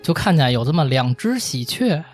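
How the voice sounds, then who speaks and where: Male storyteller-host, Beijing accent, voice a bit high, colloquial delivery with acted-out dialogue. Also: very animated, normal speed, faint music behind. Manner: acts out characters' dialogue as he narrates. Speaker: host telling a history story. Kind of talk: casual, colloquial storytelling with banter.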